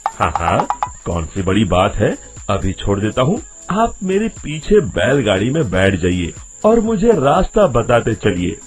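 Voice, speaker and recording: Guy doing a gullible village cart driver for a cartoon, slow drawn out words, really animated, naive. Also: lowish voice, soft background music. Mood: bashful, eager.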